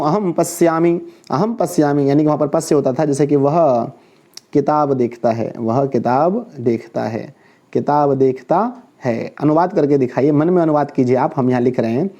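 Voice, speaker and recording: Mellow-voiced man chanting grammar drills. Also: mid-range voice, muffled recording. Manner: chants verb forms in rhythmic lists, quizzes viewers; corrects his own slips on the spot. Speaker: Sanskrit teacher. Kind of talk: online class lecture.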